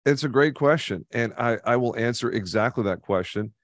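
A man in his thirties, a podcast guest in a home studio, coaching the listener emphatically on a boom-mounted studio microphone. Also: normal speed, dry recording. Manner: emphatic, coaching, repeats key points. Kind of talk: conversational webinar interview. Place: home studio with neon sign. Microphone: studio mic on boom arm, headphones.

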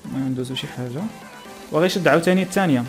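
A young man speaks Moroccan Arabic dialect at a very rapid clip in a slightly high voice, reacting casually and thinking aloud. He is close to the microphone, with some music behind him. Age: young adult. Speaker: YouTube channel host. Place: small plain room indoors. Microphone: close desk microphone.

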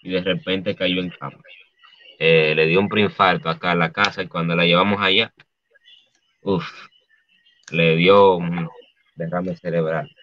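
A man with a Dominican accent, a guest artist speaking haltingly and softly, with many restarts, over dull lo-fi video call audio. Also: low voice, fairly even intonation, a little hiss or hum. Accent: Dominican Spanish. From Dominican Republic. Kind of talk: emotional interview.

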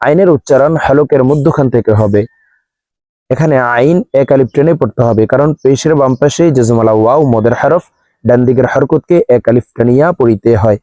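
This man's voice is mid-range and mellow, recorded with no room sound. Teaching Quran recitation one step at a time, he spells the letters and vowel marks slowly before chanting every verse at length.

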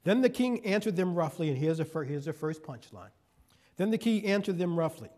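Animated and fairly quick, this man's high-pitched voice carries a warm tone. As a guest preacher, he reads out scripture and unpacks it with folksy asides, hammering key phrases through repetition.

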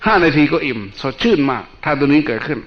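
A male Buddhist monk, calmly explaining meditation in a dharma talk and mixing in English terms. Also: on the high side, fast. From Northeast Thailand. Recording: dull lo-fi recording.

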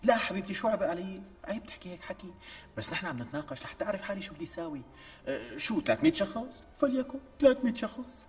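An actor playing a cornered young fiancé with a Damascene Syrian accent, protesting and pleading about money in a TV sitcom. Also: male voice, high voice, sing-song. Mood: exasperated. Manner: exasperated, pleading, quick protests. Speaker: fiancé, shop owner. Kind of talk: TV sitcom acting. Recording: distant mic with faint music.

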